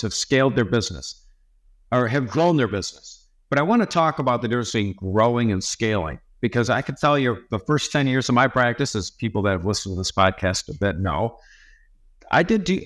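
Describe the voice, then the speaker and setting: Relaxed man in his forties, co-hosting. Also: mid-range voice. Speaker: podcast co-host and tax firm owner. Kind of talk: casual podcast chat.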